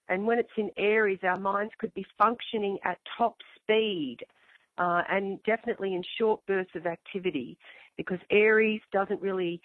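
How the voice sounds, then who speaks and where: A woman with a croaky voice, hoarse from a flu, hosting an astrology talk and chatting informally to her listeners. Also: medium pitch, no echo. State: getting over flu. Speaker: host and astrologer. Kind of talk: astrology show monologue, casual address to listeners. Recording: thin, phone-like line.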